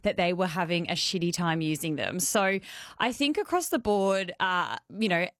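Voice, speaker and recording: A woman's voice: on the low side, expressive, moderate pace, a bit bright, no echo, clean studio sound. A woman speaking casually as a radio interview guest. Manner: casual, uses fillers. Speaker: radio guest, dating podcast host.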